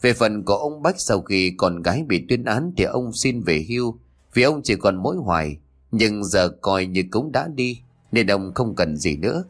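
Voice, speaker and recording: Male storyteller, lowish and animated. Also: normal speed. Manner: expressive, formal sign-off. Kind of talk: scripted story narration.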